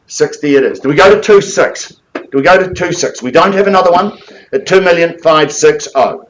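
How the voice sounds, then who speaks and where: Male auctioneer, slightly high voice, calling property bids with repeated figures and persuasive nudges to buyers. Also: normal speed, slight background noise, poor audio. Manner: repeats bid figures, coaxing bidders.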